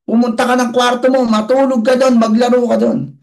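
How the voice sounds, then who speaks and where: A man's voice: very high-pitched, level tone, brisk, vocal fry, darkish tone, pitched above the performer's own voice. A man voicing a busy, impatient father who curtly scolds his young son. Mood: angry. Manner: curt and scolding.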